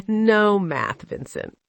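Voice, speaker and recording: A woman's voice: mid-range voice, gravelly, no echo. An American woman teaching English in a scripted conversation, playful and teasing with an upbeat manner. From United States.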